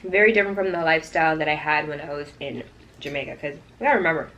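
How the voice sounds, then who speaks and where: A woman with a slightly low voice tells stories in a casual, chatty vlog style. She speaks straight to her viewers in a conversational way, with faint noise behind her. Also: very fast, fairly bright tone, highs cut off. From Toronto, Canada. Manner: conversational, addressing viewers directly. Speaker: YouTube vlogger. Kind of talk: casual chatty mukbang storytime.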